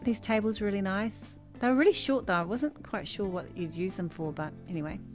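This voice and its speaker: A woman in her thirties gives a casual, rambling voice-over to her shopping footage, recorded in her bedroom with music faintly audible. Her medium-pitched voice is fairly quick and a little mellow, and she gushes freely.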